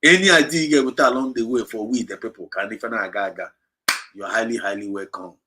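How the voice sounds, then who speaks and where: Over background noise, a man with a Nigerian accent talks fast in a low-leaning voice while hosting a livestream. He urges his audience on passionately, going over his points again and again and moving between English and Igbo.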